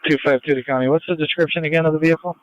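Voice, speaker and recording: A man's voice: fairly high pitch, steady tone, rapid-fire, lo-fi sound. A male police officer calling in over a police radio transmission, in clipped radio code talk. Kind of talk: terse radio call-ins.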